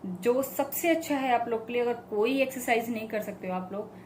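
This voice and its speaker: Young woman, casual vlog talk, chatty and animated, slightly high voice, faint background noise. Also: brisk. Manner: chatty, animated storytelling with laughs. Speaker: vlogger.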